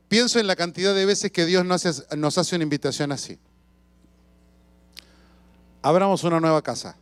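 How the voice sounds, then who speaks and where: A man preaching a sermon as a pastor, telling stories with shouts and sound effects and asking the congregation questions. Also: high voice, smooth, no room sound. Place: church.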